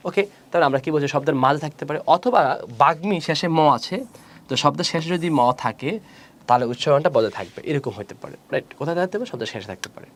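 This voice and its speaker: A young male teacher gives an online grammar lesson, his pitch rising and falling widely as he talks. He keeps asking the class questions, answers them himself, and goes over each rule again. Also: animated, fast.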